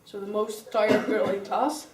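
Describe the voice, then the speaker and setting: A young Dutch-accented student teacher runs an English grammar lesson in a classroom, naming pupils as she goes through it step by step. Her mid-range voice is unhurried with fairly even intonation, caught by a distant mic amid roomy sound and background noise.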